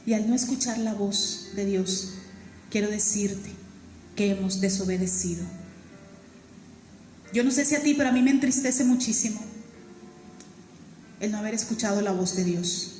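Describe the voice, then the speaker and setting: A woman's voice: medium pitch, moderate pace, pauses often, darkish tone, faint music behind. A woman pastor with a Colombian Caribbean accent, preaching a fervent, emphatic sermon and repeating key phrases. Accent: Colombian Caribbean Spanish. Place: church hall. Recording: echoey church hall with long reverb.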